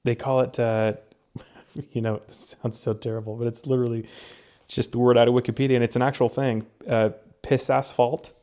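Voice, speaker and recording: A man's voice: medium pitch, little pitch movement, normal speed, warm tone. A young man co-hosting a casual podcast, explaining research in a rambling way, with lots of fillers and restarts. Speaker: podcast co-host presenting research. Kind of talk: casual chat.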